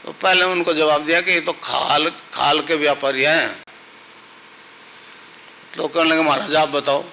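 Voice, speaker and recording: Bright high-pitched man giving a spiritual discourse. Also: steady tone, a little slow, creaky, rough recording. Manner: storytelling, teaching a mantra to a gathering. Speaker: guru.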